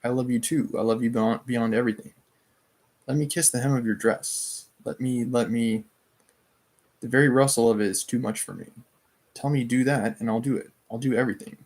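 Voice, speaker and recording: Man reading a smooth scheming older nobleman, suave and pushy, mid-pitched voice. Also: steady tone, a little fast, a little mellow, natural voice. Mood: pleading. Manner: suave, pleading and insistent.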